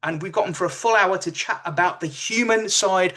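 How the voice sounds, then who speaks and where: Bright, high-pitched upbeat man hosting. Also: a little fast. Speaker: webinar host, compere. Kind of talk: upbeat informal event hosting.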